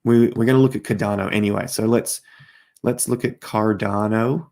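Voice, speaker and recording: A man hosting a casual crypto livestream, talking straight to viewers as he walks through charts, his voice going hoarse with coughs. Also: lowish voice, fairly even intonation, moderate pace, a little mellow. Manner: chatty, talks straight to viewers while walking through charts. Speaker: crypto market host.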